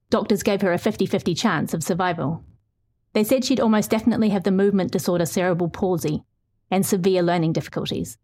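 A middle-aged woman reporter reads her own feature story in a measured, clear way, after answering interview questions with a few hesitant restarts. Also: medium pitch, darkish tone.

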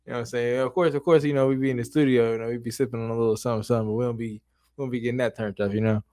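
A man's voice: medium pitch, little pitch movement, racing, warm tone, no room sound, clean studio sound. A man co-hosting a sports talk show with casual, slangy banter and repeated phrases.

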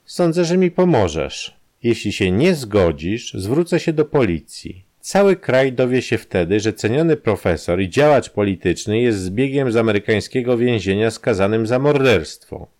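A man voicing a brash safecracker who blackmails an old acquaintance, talking in a loud, taunting, pushy way. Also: mid-range voice, very animated, normal speed, hardly any pauses, pitched above the performer's own voice, natural voice.

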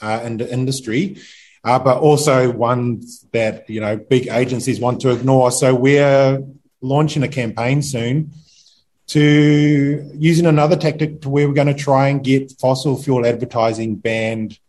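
A man with a New Zealand accent, a campaigner guest speaking in a halting way with many fillers. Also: medium pitch, fairly even intonation, darkish tone, slight background noise. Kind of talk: casual interview.

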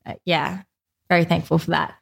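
Chatty woman, lowish voice. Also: flat delivery, normal speed, vocal fry, breathy edge. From Australia. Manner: open, chatty, frequent "like" fillers. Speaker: guest. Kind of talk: casual conversational interview.

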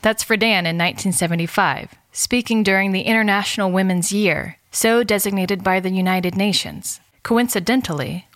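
A woman's voice: on the low side, fairly bright tone, no room sound. A woman reading scripted documentary narration as the host.

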